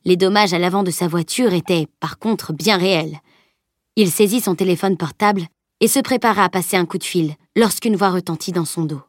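A woman narrating a novel as an audiobook, in an even, steady reading. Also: lowish voice, normal speed, no echo, studio quality. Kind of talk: scripted narration.

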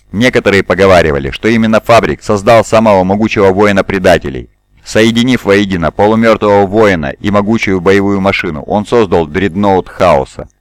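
A man reading an audiobook in a measured, even narration. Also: on the low side, dry recording. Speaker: audiobook reader. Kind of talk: scripted narration.

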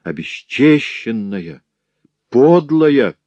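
A man's voice: medium pitch, animated, a little slow, no room sound, dull audio, pitched above the performer's own voice. A man voicing a grief-stricken, furious artisan father in an audiobook reading. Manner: anguished shouting, bitter outbursts. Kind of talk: audiobook character voice.

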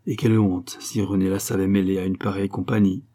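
Guy reading a classic novel, low mellow voice, measured. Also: level tone. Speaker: audiobook narrator. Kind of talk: scripted narration.

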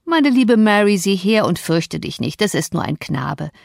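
A woman reading an audiobook, voicing a pompous, indignant old male magistrate who lectures in a swinging pitch. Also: big pitch swings, normal speed, gravelly, a little mellow, no echo, clean studio sound.

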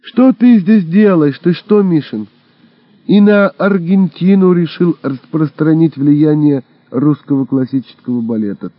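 A man voicing a sharp-tongued, sarcastic Soviet woman journalist in a raised voice, on a dull lo-fi recording. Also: fairly high pitch, measured pace, no room sound, pitched above the performer's own voice. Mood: teasing. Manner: mocking, brash.

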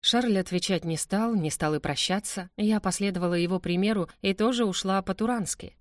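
A woman's voice: medium pitch, fairly quick, no room sound, clean studio sound. A woman narrating a first-person novel as an audiobook, reading expressively.

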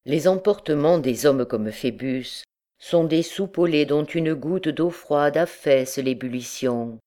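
A woman reads a classic novel aloud as audiobook narration. Her reading is calm and even, moving steadily through long descriptive passages. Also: sits low, slow. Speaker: audiobook reader.

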